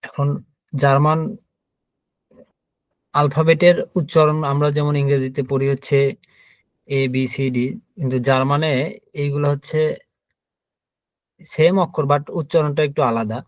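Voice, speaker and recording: A man's voice: a little high, fairly even intonation, normal speed, pauses often, no room sound. A man teaching an online language lesson, patiently spelling out the letters one by one. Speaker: German teacher.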